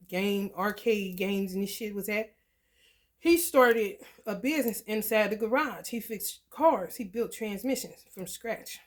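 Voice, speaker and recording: A woman ranting to her viewers in a blunt, profane, animated storytelling way. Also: medium pitch. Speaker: vlogger. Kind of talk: profane rant to camera.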